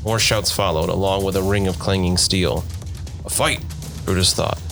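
Deep-voiced male audiobook narrator. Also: steady tone, brisk, creaky, music in the background. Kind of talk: scripted fantasy audiobook narration.

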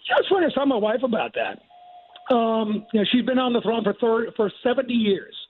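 An older man, a news correspondent, reporting live over the phone in a measured, reflective way. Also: extremely high pitch, very animated, slight background noise. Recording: tinny phone line.

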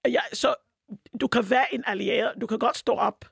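A woman talks in a lively, animated way as a guest on a discussion show. Her voice is hoarse, gravelly and husky from shouting. The sound is dry and close to the mic. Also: on the high side, dry recording. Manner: animated, mimics others with put-on voices, laughs often. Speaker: guest activist. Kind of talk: casual discussion.

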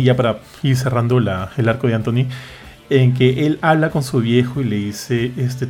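A man chatting casually as a podcast host, lively and slangy, acting out what others say. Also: medium pitch. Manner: animated, acts out quotes with slang. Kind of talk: casual chat.

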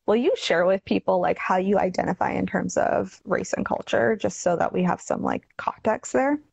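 A woman's voice: medium pitch, sing-song, moderate pace, gravelly, a little mellow, slightly rough, no echo. A woman hosting a podcast interview, chatty and casual with frequent filler words. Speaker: podcast host.

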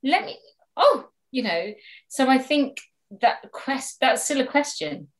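A woman's voice: high-pitched, very animated, slow pace. A woman mediator, a guest in a conversational interview, talking animatedly and acting out the voices she quotes.

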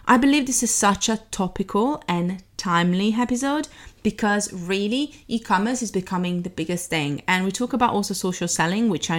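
A woman hosting a marketing podcast, introducing an episode and her guest in an upbeat, chatty way. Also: on the low side. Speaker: podcast host.

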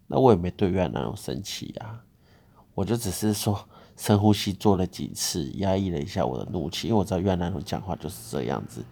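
Man, very low voice, gravelly, casual podcast banter, argumentative. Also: lively intonation, fast, dark tone. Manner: teasing, argumentative. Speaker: podcast co-host.

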